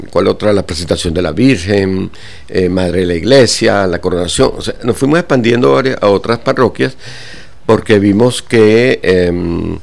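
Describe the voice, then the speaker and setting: An older man from Venezuela, a guitar teacher, speaking haltingly with many pauses and fillers in a radio interview. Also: deep voice, creaky, darkish tone. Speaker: guitar teacher and orchestra director.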